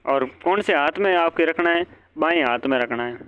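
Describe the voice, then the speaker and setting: A man's voice: fairly high pitch, normal speed, clean tone, dry recording. A male teacher giving an exam-prep lecture, asking and answering his own questions and repeating each point. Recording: dull lo-fi audio.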